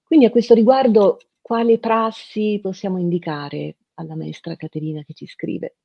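A woman's voice: medium pitch, fairly even intonation, moderate pace, gravelly. A woman hosting a conversation, politely moderating and posing questions to her guest. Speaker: host. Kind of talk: hosted conversation. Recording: slightly dull, muffled audio.

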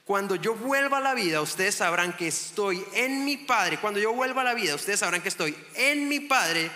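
With a high voice and lively intonation, this man in his thirties preaches a casual sermon in a church hall at normal speed, his tone bright and forceful. He's a guest preacher from Chihuahua, Mexico, with a northern Mexican accent, chatting, joking about himself and restarting his sentences often. The hall's echo creates long reverb.

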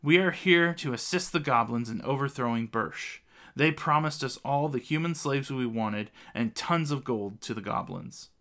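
A man's voice: medium pitch, moderate pace, a bit bright, pitched above the performer's own voice, lightly acted. A mocking shark-toothed merman raider, voiced by a man. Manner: mocking, taunting. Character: sneering male merman raider with shark teeth.

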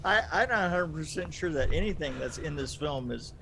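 A man's voice: fairly high pitch, lively intonation, brisk, gravelly, very noisy. A man co-hosting a podcast, rambling through casual movie talk with stammers and laughs. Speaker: podcast co-host. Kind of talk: casual chat reviewing a movie.

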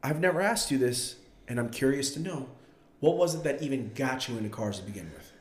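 A man's voice: mid-range voice, animated, brisk. Nasal, congested man in an echoey room. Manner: emphatic, slangy, bro-style address. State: getting over a cold. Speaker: podcast host. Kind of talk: casual podcast chat. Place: home dining room, indoors. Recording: roomy echoing indoor sound.

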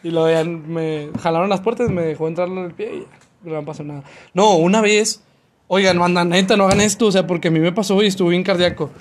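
Young Mexican man, rapid high-pitched storyteller, slangy, faint noise behind. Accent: Mexican Spanish. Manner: fast, slangy, makes sound effects and voices. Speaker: podcast co-host telling a story. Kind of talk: casual chat, storytelling.

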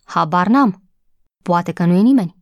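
A woman voicing a grumpy, slow-speaking old stable hand, testy and dry, in an audiobook reading. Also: on the low side, lively intonation, a little mellow, dry recording, lo-fi sound. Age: older. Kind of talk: audiobook character voice.

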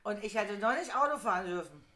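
A woman's voice: medium pitch, expressive, fast, reverberant, a crowd in the background. A woman co-hosting a podcast, chatting playfully and giggling with friends over wine. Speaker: podcast co-host. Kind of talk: casual tipsy chat.

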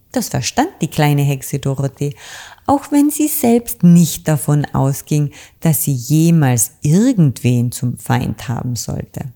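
A woman reading a children's story aloud in a calm, measured storytelling voice. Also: very deep voice, vocal fry.

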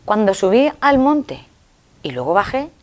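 Woman telling her story, very animated, lots of up and down in her voice, does all the voices. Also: unhurried. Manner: expressive, acts out dialogue with sudden pitch jumps. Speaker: interviewee sharing a personal testimony.

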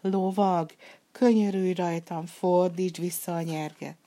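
A woman voicing a scheming little boy prince in a storybook reading, in a raised, higher and louder voice than her narration. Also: breathy edge. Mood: pleading.

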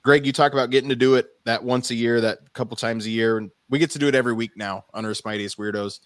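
A man's voice: medium pitch, steady tone, fast talker, a bit bright, dry recording. A man hosting a podcast, wrapping up an episode with upbeat thanks to his guests. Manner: grateful, upbeat wrap-up. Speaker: podcast host. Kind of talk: casual chat.

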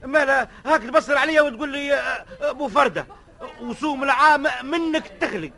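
A complaining Tunisian man in a vintage radio play. The voice is very high and bright, and the words come fast and indignant. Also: full character voice. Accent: Tunisian Arabic. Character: indignant man who lost his slipper. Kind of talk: 1950s radio drama acting.

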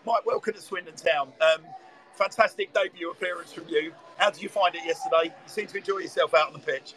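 A man's voice: a little high, brisk, pushed and bright. A man commentating and interviewing live from a football commentary box, wordy and informal. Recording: noisy live stadium broadcast, clear background noise. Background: stadium ambience.

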